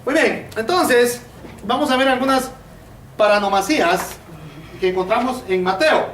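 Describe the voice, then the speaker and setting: A man teaches a Bible study class in a high voice. He fills his speech with hesitations and keeps asking his listeners questions. He is recorded from a distance in a roomy space with a faint hiss behind him. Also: measured pace, fairly bright tone. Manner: many fillers and repeated rhetorical questions.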